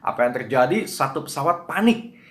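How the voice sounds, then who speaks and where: Animated man preaching a sermon. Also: medium pitch, fairly quick, echoey room. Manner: animated storytelling, acting out screaming passengers.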